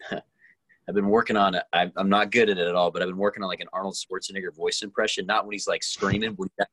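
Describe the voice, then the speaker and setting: A man's voice: deep voice, fairly even intonation, fast, a bit bright, no room sound. A man co-hosting a casual podcast, talking in loose, rambling stretches. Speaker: podcast co-host. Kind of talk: casual chat.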